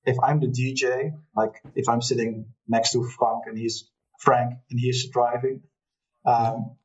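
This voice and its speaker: A man with a Dutch accent, chatting casually as a podcast guest, halting with many restarts and frequent laughs. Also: mid-range voice, little pitch movement, a little mellow. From Netherlands. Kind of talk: casual chat. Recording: muffled lo-fi audio, far from the mic.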